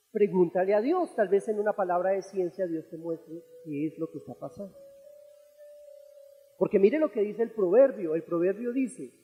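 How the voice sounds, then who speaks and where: High-voiced Colombian pastor preaching. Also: male voice, phone-quality sound. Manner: earnest teaching, rising to loud fervent passages. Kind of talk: sermon. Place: church auditorium. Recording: echoey church hall.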